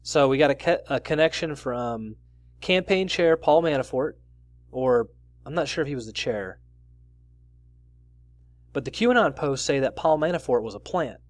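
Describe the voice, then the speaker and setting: A man's voice: medium pitch, lively intonation, normal speed, pauses often, dry recording. Casual male news commentator, dry sound. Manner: conversational, reads out article excerpts with asides.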